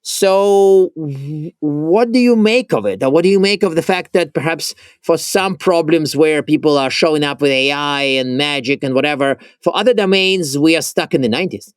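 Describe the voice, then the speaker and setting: A man co-hosting a podcast, talking in an animated way with quick asides and self-interruptions. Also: a little high, clear, resonant tone, dry recording. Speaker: podcast co-host. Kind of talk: casual conversational chat.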